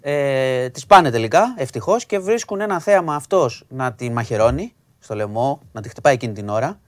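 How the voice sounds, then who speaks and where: A man's voice: medium pitch, lively intonation, no room sound, studio quality. A man co-hosting a radio show, retelling news stories in a casual, dramatic way. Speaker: radio co-host. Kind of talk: recounting news items in casual chat.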